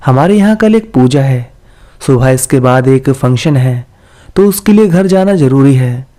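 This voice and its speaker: A man's voice: mid-range voice, animated, measured pace, mellow, close to an everyday voice. A man voicing a friendly young office worker in a spoken horror story, talking in a casual, amused, questioning way. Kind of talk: storybook dialogue reading.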